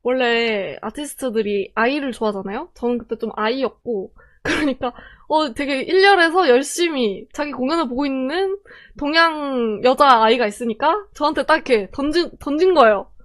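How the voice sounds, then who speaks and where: A young Korean woman telling a personal story in a casual, animated way, acting out the quoted voices. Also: high-pitched, normal speed.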